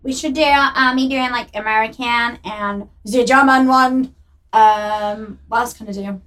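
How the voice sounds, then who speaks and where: A woman's voice: on the high side, steady tone, measured pace, a bit bright. Giggly woman podcaster. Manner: chatty and giggly, jokey. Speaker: podcast co-host. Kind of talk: casual podcast chat.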